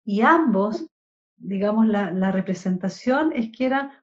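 A woman's voice: mid-range voice, animated, unhurried, lo-fi sound. A woman guest on a live conversation, talking in an earnest, reflective way about spiritual matters. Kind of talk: casual spiritual chat.

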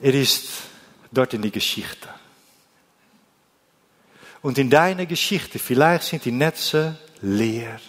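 A man from the Netherlands, preaching a sermon in German, slow and deliberate, with phrases that often drop to a soft low ending. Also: lively intonation. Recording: long hall reverb.

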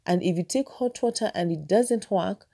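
Earnest schoolchildren, played by a Kenyan woman patiently explain their home remedies in a Kenyan accent. The voice stays close to her own mellow tone, just a little higher. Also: moderate pace, creaky.

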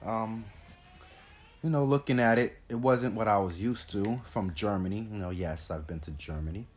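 A man's voice: on the low side, normal speed. Easygoing man hosting a food vlog. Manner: easygoing, hesitant with many ums. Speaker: co-host. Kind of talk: casual food vlog chat.

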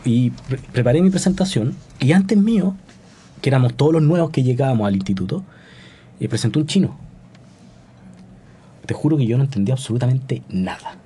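A man's voice: medium pitch, animated, fairly quick, long pauses, dark tone, breathy edge. A Chilean man talking as a guest scientist in a casual podcast interview, thoughtful, with many restarts and tag questions.

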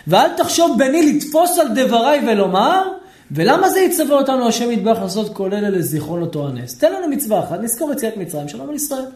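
High-voiced animated rabbi man, echoey room. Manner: animated, asks the audience questions, acts out shouting people. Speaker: rabbi giving a Torah lesson. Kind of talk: lively sermon-style lesson with questions to listeners.

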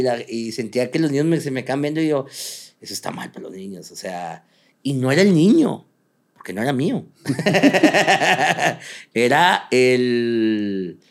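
A young man with a Mexican accent tells stories in a loose, slangy interview chat. He talks quickly and with a lot of energy. His voice sits at an ordinary middle pitch for a man. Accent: Mexican Spanish. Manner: fast-talking, animated storyteller, slangy. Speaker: comedian guest.

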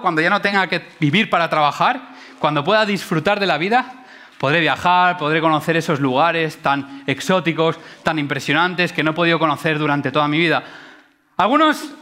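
A man's voice: high-pitched, pushed and bright. Reflective man. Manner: asks rhetorical questions to the audience. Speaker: speaker. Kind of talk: reflective sermon-like talk.

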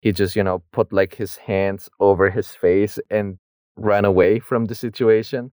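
A young man co-hosts a podcast about a book, retelling the plot with slang and easy laughs. His voice sits low and comes across smooth and clear. The sound is dry and close, with no room around it. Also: steady tone, measured pace, darkish tone, no room sound. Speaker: podcast co-host. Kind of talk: casual book discussion.

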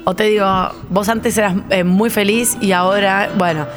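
Una mujer con acento rioplatense que charla con soltura y reacciona con expresividad. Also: female voice, mid-range voice, fairly even intonation, normal speed, music in the background. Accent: Rioplatense Spanish. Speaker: radio show co-host. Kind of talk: casual chat.

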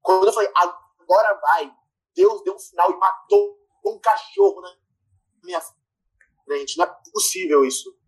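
Husky-voiced young Brazilian man, animated storyteller, self-deprecating. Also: high-pitched, normal speed, rough recording. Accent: Brazilian Portuguese. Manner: animated, self-mocking, swears freely. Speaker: guest storyteller. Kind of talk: casual podcast anecdote.

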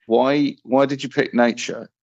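A man's voice: fairly even intonation, unhurried, dry recording. A man hosting a podcast, asking blunt, probing questions in a conversational way. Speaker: podcast host, interviewer. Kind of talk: conversational interview. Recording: dry, muffled low-fidelity audio.

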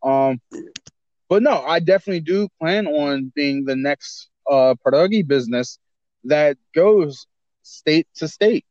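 A man co-hosting a laid-back podcast, voice sitting a little high for a man, chatting in loose slang and lively banter. The sound is dry and slightly muffled, with a dull, lo-fi edge. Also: unhurried, no echo. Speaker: podcast co-host. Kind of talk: casual chat.

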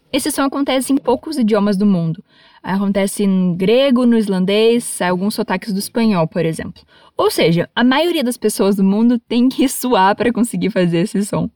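A woman's voice: mid-range voice, moderate pace, a little mellow, dry recording, studio quality. A Brazilian woman with a Brazilian Portuguese accent, teaching English in a patient, encouraging, playful way. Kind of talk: lesson for learners.

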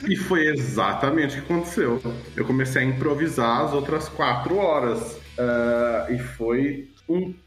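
A man with a Brazilian Portuguese accent telling casual game anecdotes in an animated way, acting out bits of dialogue. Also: mid-range voice, measured pace, hardly any pauses. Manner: animated storytelling with quoted dialogue. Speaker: teacher who runs tabletop games. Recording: roomy sound with faint music.

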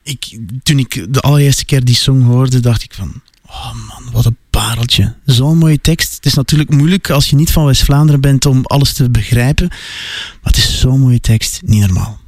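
A man's voice: mid-range voice, moderate pace, dry recording. Flemish man in hesitant, casual chat, dry sound. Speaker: guest.

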